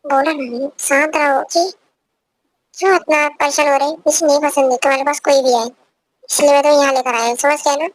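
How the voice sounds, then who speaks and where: A woman's voice: high-pitched, steady tone, fairly quick, natural voice. A young woman voicing a possessive, domineering young husband who gives orders in an amateur fan dub. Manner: commanding, repeats orders.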